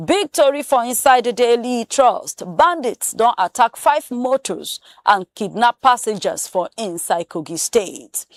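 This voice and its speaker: A woman with a Nigerian accent presenting a newspaper headline review in Pidgin, brisk and emphatic with rising stresses on key stories. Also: fairly high pitch, no echo, studio quality. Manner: brisk, animated headline reading with emphatic rises.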